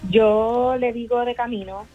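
A woman's voice: a little high, a little slow, phone-quality sound, faint music behind. A woman with a Puerto Rican accent, a guest in an interview, telling a story casually and acting out the dialogue. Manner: animated, re-enacting dialogue. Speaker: interview guest, new mother.

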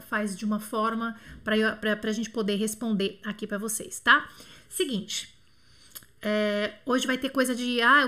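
A woman's voice: a little high, sharp tone. Chatty Brazilian woman teaching French. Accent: Brazilian Portuguese. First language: Portuguese. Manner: chatty, scatterbrained asides, drawn-out slow word demos. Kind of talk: live online lesson answering questions.

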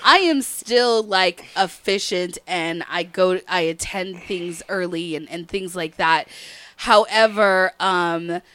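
A woman's voice: fairly low pitch, slow, pushed and bright, clean tone, no room sound. A woman in casual podcast chat, talking openly and reflectively and laughing often.

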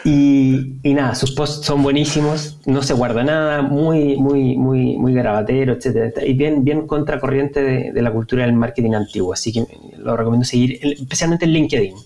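A man's voice: medium pitch, normal speed, hardly any pauses, mellow. A man with a Chilean accent, a podcast guest chatting casually with plenty of fillers and restarts. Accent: Chilean Spanish. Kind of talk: casual interview chat.

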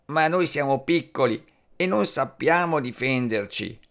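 A man voicing small, timid caged parakeets in a storybook tale, in a slow, high, pleading voice. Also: animated, fairly bright tone.

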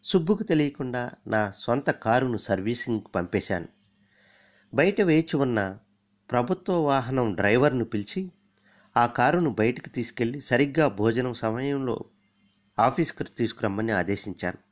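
A middle-aged man reading a first-person story aloud, with a measured and steady delivery. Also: medium pitch.

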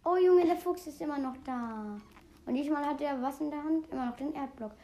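A woman chatting excitedly while playing a video game, exclaiming often and rambling between facts. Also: high-pitched, fairly quick. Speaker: game player. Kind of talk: casual gameplay commentary.

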